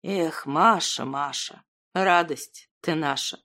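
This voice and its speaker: Lady doing a lower voice for a self-mocking guy of thirty, a failed artist, fumbling. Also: slow pace, sharp tone, full character voice. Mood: breezy. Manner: self-deprecating, fumbling, then heated.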